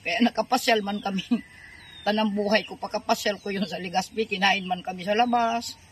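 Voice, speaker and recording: An older woman telling her life story in a halting, rambling way, full of fillers, politely adding respectful words. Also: mid-range voice, fairly even intonation, a little hiss or hum. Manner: polite, adds po and ma'am. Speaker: interviewee. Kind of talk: casual storytelling.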